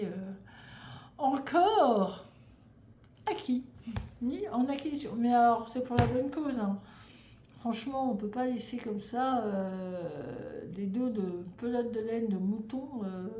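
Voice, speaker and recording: A woman's voice: medium pitch, mellow. A French woman in her thirties chatting casually about knitting, rambling and stumbling over her words with lots of fillers and restarts. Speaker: knitting vlogger. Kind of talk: casual chat. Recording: echoey room, faint background noise.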